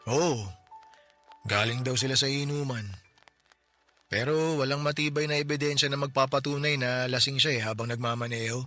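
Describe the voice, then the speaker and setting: In a Tagalog radio drama, a Filipino man plays a poor tricycle driver, a widower who has just lost his family and is bitter about justice. His medium-pitched voice is fairly even in intonation, pushed and bright, and natural, with faint music behind; he sounds weary and bitter, slowing down when stressing words.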